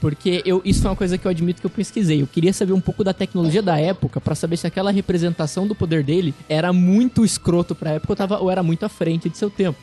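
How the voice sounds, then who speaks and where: A man, co-hosting a casual podcast chat in an animated, slangy, emphatic way. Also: high-pitched, rapid-fire, few pauses, husky, soft background music. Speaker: podcast co-host.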